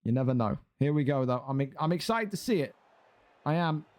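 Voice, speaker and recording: Here the man's fairly high voice sounds animated and brisk, with a slightly mellow quality. He's commentating live on an online boxing league, talking up the fighters, chatting easily and throwing playful jabs at viewers in the chat.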